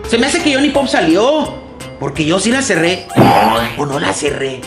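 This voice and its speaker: Silly clown, male actor, Mexican accent, scatterbrained rambler for a kids' skit, very loud music underneath. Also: high-pitched, big pitch swings, moderate pace. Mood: puzzled. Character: silly, forgetful, rambling clown in a children's show. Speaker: children's show clown. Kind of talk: children's comedy skit.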